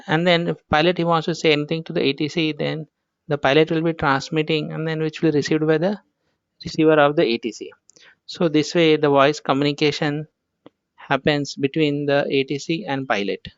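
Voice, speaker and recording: An instructor with an Indian accent teaches in a fairly high, smooth voice, explaining informally step by step and circling back over his points. His delivery is flat and brisk. The recording is dry and a little dull, with no room sound.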